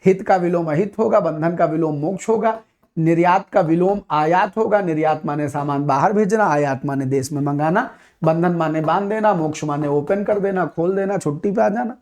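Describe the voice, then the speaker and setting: A man's voice: a little high, moderate pace, darkish tone. A man teaching an exam-prep Hindi lesson. He talks emphatically, repeats key words and asks his class rhetorical questions.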